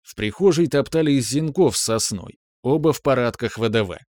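Male audiobook narrator, wry first-person telling, mid pitch, dry close sound. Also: lively intonation, moderate pace, darkish tone, dry recording.

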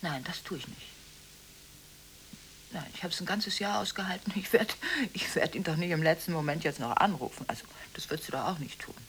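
Here a low-voiced actress in a 1980s German radio drama plays a distraught daughter caught between emotions on a late-night phone call. She sounds weary and defensive, stammering, pleading and breaking off into whispers on a hissy recording.

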